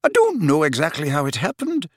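A man's voice: fairly high pitch, huge pitch swings, a little fast, slightly rough, dry recording, clean studio sound, voice pushed up, exaggerated voice. A man voicing an older, stern woman professor in an audiobook, shocked and tearful, with a faint, wavering, distracted manner. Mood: confused, distracted.

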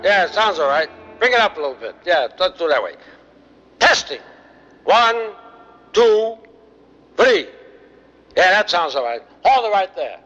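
An actor playing a proud, stubborn stage entertainer with a showmanlike manner in a TV drama. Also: male voice, a little high, big pitch swings, fast talker, a bit bright. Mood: busy, upbeat. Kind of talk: TV drama acting. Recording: muffled soundtrack, music behind.

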